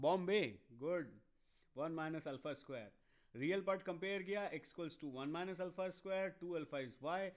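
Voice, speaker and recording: A man with an Indian English accent teaches maths in an online exam-prep class, moving between Hindi and English as he works through each step. His voice sits fairly high for a man, and his pace is unhurried. He slows down to stress key statements in English and calls out to his students directly. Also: clean tone. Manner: talks to students directly, quick asides to chat.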